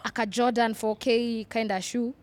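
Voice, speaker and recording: A woman's voice: on the high side, level tone, moderate pace, darkish tone. A woman with a Kenyan accent co-hosting a podcast in playful, teasing, casual conversation. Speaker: podcast co-host. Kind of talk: casual bilingual banter.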